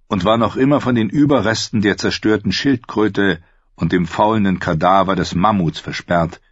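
A man reading an audiobook with lively, expressive narration, in a muffled lo-fi recording. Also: lowish voice, slightly rough, no room sound.

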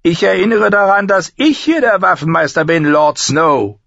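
A man's voice: expressive, moderate pace, no echo, highs cut off. A man doing a cold, sneering master-at-arms. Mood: cold, mocking. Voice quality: sharp, cold, booming. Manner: mocking, contemptuous.

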